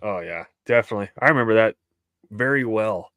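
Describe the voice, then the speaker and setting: A man co-hosting a fishing show, chatting in a relaxed, agreeable way. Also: lowish voice, fairly quick, no room sound, clean studio sound. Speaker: podcast co-host. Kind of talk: casual chat.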